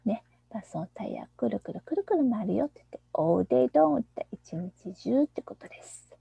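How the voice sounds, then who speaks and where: A woman teaching a children's English song, explaining softly, often in a near-whisper, and reading the lyrics slowly and deliberately. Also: fairly high pitch, expressive, creaky, breathy edge, no room sound, lo-fi sound. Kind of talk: screen-shared lesson on a children's song.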